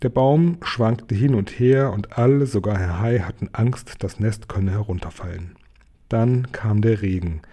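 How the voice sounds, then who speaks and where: A man reads a children's book aloud in a calm, even way. His voice is mellow and dark with a husky grain. The telling is steady and unhurried. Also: fairly low pitch. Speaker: storybook reader.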